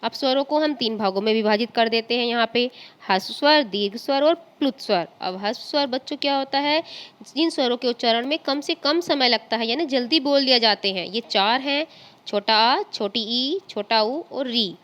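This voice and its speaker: A woman's voice: on the high side, expressive, brisk, a bit bright. A woman teacher with an Indian accent giving a recorded lesson to young pupils, patiently spelling out sounds. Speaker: school teacher.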